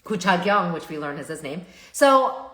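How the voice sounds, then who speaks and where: A middle-aged woman talks as a family therapist on a live stream, in a slightly low voice. She speaks casually and often checks in with her viewers by asking "right?". Her voice carries a roomy echo. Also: expressive, moderate pace, fairly bright tone. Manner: chatty, asks the audience "right?" often. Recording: echoey room.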